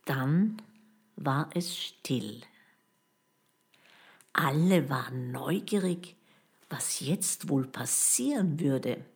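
A woman reads a children's story aloud with a low voice and an unhurried pace. Her telling is expressive and measured, with a lot of rise and fall in the voice. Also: gravelly, slightly rough.

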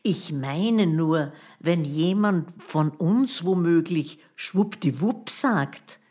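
A woman voicing an excitable, anxious young boy who speaks in eager, jumpy exclamations. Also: lowish voice, extremely slow, husky, exaggerated voice. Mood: excited.

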